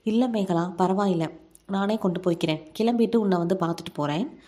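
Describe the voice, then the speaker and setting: A woman's voice: medium pitch, fairly quick, warm tone, natural voice. A woman voicing a young college student who speaks politely and earnestly.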